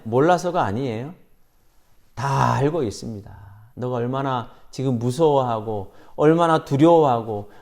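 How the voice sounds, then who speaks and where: A man preaching a church sermon, pausing for effect and acting out quoted questions. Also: medium pitch, a little mellow. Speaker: pastor. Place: church sanctuary.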